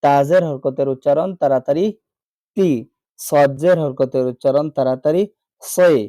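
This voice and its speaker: A man teaching Quran reading in a Bangladeshi Bengali accent, slowly drilling letter sounds again and again in an online lesson. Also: a little high, mellow, no room sound, clean studio sound.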